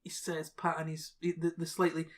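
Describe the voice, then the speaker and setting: A woman plays a jittery young dwarf apprentice who stumbles over his words and repeats himself. The voice sits a little low. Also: monotone, moderate pace, natural voice. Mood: flustered. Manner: stammering, flustered.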